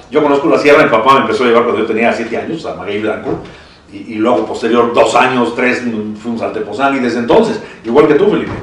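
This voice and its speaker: A man with a Mexican accent in a panel discussion, talking with many restarts and chuckles. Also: medium pitch. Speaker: citizen council member. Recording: echoey room from far off.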